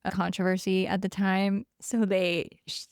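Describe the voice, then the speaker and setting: Chatty woman, gravelly edge. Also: medium pitch, flat delivery, a little mellow, dry recording, studio quality. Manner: chatty, quick asides, wry. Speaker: podcast co-host. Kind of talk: casual podcast chat.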